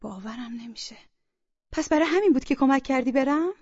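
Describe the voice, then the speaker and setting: An actress playing a sharp-tongued, quarrelsome young woman arguing with her sister. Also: sits high, expressive, no room sound, highs cut off. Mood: scornful. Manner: scornful, quarrelsome.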